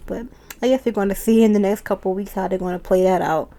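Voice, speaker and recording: A woman's voice: mid-range voice, fairly even intonation, quick pace, dark tone. A woman casually recapping a wrestling show, chatty and often laughing as she retells it.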